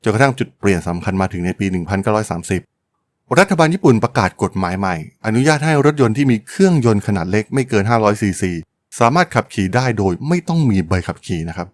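A man's voice: medium pitch, no echo. A man hosting a podcast, telling a business history story in a polite, chatty way with frequent exclamations. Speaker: podcast host.

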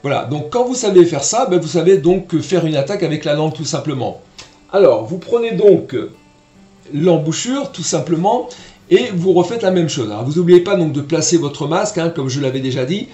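Patient French trumpet teacher, echoey room. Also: male voice, a little high, expressive, normal speed, mellow, soft background music. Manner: patient, explanatory, demonstrates syllables aloud. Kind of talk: online music lesson.

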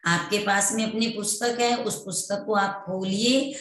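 Woman, primary school teacher, unhurried, patient repetition, mid pitch, roomy echo. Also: steady tone, a bit bright. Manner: slow and patient, repeating words for children to echo. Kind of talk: online class lesson for young children.

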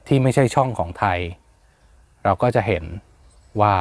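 A man's voice: mid-range voice, lively intonation, moderate pace, darkish tone, dry recording. A man hosting a plant channel, explaining names in a casual, hesitant way with many fillers and spelling words out letter by letter.

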